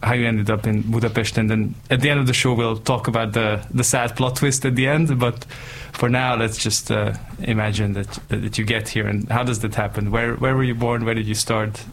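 A man's voice: on the low side, fairly even intonation, moderate pace, hardly any pauses, a little hiss or hum. A man hosting a casual interview podcast, chatty and curious, asking plenty of follow-up questions. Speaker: podcast host.

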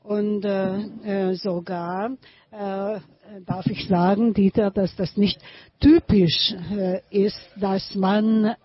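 A woman hosting a radio interview, moving slowly through her questions and filling pauses with hesitant fillers. Her voice is husky and a little breathy, and the recording sounds dull and lo-fi. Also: mid-range voice, steady tone. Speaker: radio host.

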